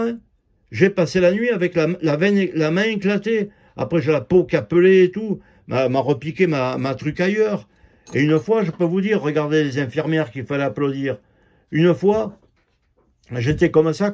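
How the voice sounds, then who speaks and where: A man's voice: on the high side, darkish tone. A man in his fifties telling a personal story in an indignant, rambling monologue, repeating himself and swearing freely. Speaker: vlogger. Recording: dull lo-fi sound.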